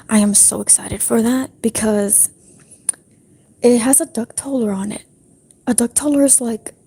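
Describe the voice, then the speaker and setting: A young woman livestreaming in a breathy whisper, rambling casually with lots of fillers from her apartment restroom. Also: mid-range voice, dark tone. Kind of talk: whispered casual stream chat.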